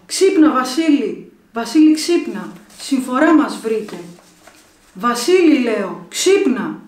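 A woman's voice: on the high side, sing-song, far from the mic. A woman voicing a frightened, exasperated village wife urging her husband awake, in an echoey room. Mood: urgent. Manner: urgent, pleading, exasperated. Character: alarmed, insistent village wife.

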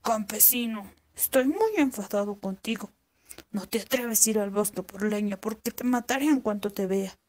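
Lady doing a cranky big bear from a kids story, slow and heavy, soft mellow voice. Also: mid-range voice, animated, lightly acted. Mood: threatening. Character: big angry male bear, slow and threatening.

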